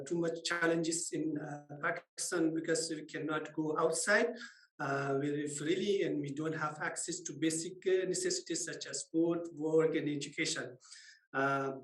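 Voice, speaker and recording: A man with a fairly high voice talks hesitantly over a video call, pausing often on filler sounds. His audio sounds roomy and hollow. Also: a bit bright. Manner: hesitant, many fillers, non-native phrasing. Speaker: guest speaker, refugee.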